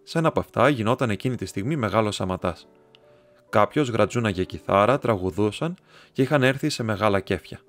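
A man narrating an audiobook in a steady, measured storytelling manner. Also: fairly low pitch. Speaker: audiobook reader. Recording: soft instrumental music underneath.

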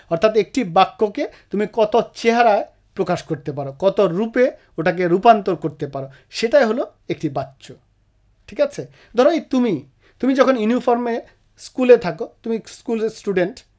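A man's voice: sits high, darkish tone. Bangladeshi guy teaching grammar, walks students through it step by step. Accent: Bangladeshi Bengali. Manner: explains step by step, addresses students directly as friends. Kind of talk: classroom-style video lesson.

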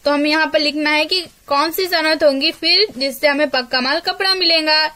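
A woman teacher with an Urdu-speaking Indian accent, reading a school lesson aloud slowly and clearly for young children. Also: high voice, sharp tone. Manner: slow, clear dictation to children.

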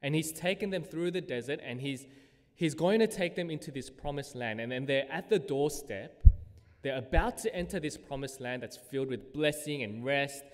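A man's voice: a little high, moderate pace. A man preaching a sermon in a conversational way, with casual fillers and quoted scripture read aloud with growing emphasis. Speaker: pastor. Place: church hall. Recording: long hall reverb.

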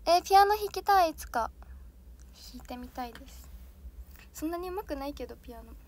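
A woman's voice: sits high, animated, brisk, a little mellow. A young woman, an idol trainee, chatting casually and bubbly with viewers on a livestream, laughing often. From Japan.

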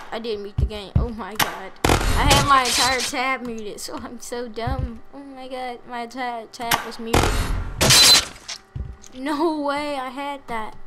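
Chatty high-voiced young woman gaming. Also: heavy background noise. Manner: chatty, self-mocking, bursts of loud excitement. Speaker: gameplay commentator. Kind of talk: casual gameplay commentary.

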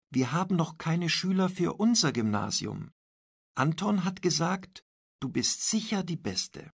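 A man voicing a friendly male art teacher who explains calmly, with a gravelly voice. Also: on the high side, pitched above the performer's own voice, full character voice.

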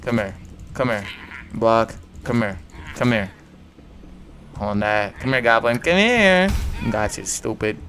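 A man's voice: on the low side, lively intonation, takes it slowly, pauses often, fairly bright tone. Young man mumbling slangy game commentary. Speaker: gaming YouTuber. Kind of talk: casual gameplay commentary. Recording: faint music behind.

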